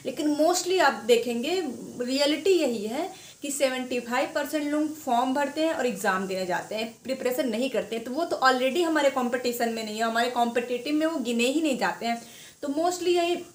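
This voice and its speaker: A woman talks students through exam preparation in a loose, chatty way, circling back and repeating herself. Her voice sits fairly high. The recording carries a noticeable echo of the room. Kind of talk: informal advice talk to students.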